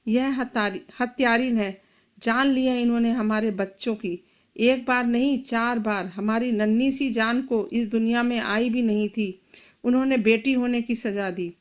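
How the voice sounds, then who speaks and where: A woman voicing a furious, grieving young husband in a storybook. He shouts and makes accusations. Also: fairly high pitch, steady tone, measured pace, lightly acted. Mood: angry.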